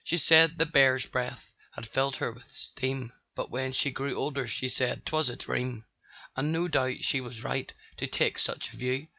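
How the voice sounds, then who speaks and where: A man narrating a rhyming children's story in a steady sing-song. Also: mid-range voice, a little slow, vocal fry, dry recording, lo-fi sound.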